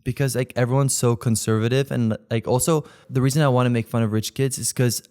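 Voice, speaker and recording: A man's voice: mid-range voice, fairly even intonation, quick pace, darkish tone, clean tone. A man in his twenties from Belgium, chatting casually as an interview guest and leaning on "like" as a filler. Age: 20s. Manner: rambling, heavy use of "like" fillers. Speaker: guest, content creator.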